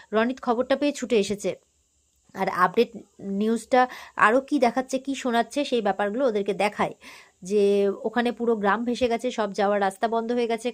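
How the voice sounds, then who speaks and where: Chatty woman recapping a serial. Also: a little high. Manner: chatty retelling with fillers. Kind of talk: casual episode recap narration.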